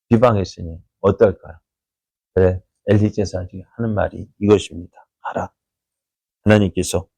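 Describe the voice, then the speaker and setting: A pastor with a fairly low-pitched voice preaches a dawn prayer sermon, recorded with no echo. He poses many rhetorical questions to his congregation and acts out quoted voices in loud bursts.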